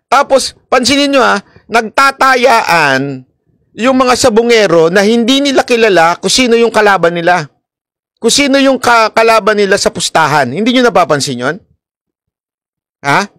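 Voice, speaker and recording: A man's voice: high-pitched, expressive, moderate pace, pauses often, a bit bright, no echo, studio quality. A man from the Philippines giving casual, chatty political commentary, laughing often and talking straight to his viewers.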